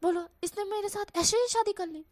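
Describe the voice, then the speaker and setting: A woman's voice: extremely high pitch, moderate pace, a little mellow, voice pushed up. Woman doing a sassy, hot-tempered young man. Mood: indignant. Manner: scolding, teasing, exaggerated complaints. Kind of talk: storybook voice acting.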